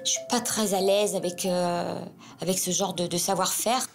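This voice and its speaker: A woman's voice: fairly low pitch, fairly even intonation, moderate pace, music in the background. A woman, a contestant, admitting in an interview that she feels unsure, talking hesitantly. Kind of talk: reality-show interview.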